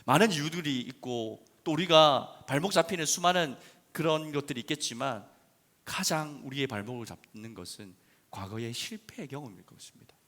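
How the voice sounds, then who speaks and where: A male pastor delivering a sermon in a church, swinging between quiet talk and loud emphasis. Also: medium pitch, normal speed. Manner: animated preaching, swinging from soft to loud emphasis.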